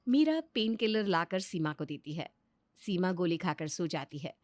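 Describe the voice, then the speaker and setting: A woman narrating a children's story in an expressive, sing-song way. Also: on the low side, normal speed, no room sound.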